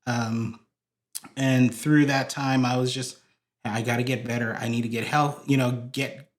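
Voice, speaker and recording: This podcast guest, a man from Hawaii who works as a church video director, talks casually and wanders through his anecdotes with frequent fillers and false starts. His medium-pitched delivery is flat and a little slow.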